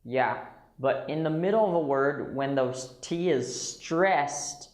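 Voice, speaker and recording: Slow, patient man teaching pronunciation. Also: fairly high pitch, reverberant. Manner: slow, patient, models words in isolation. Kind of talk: pronunciation drill lesson.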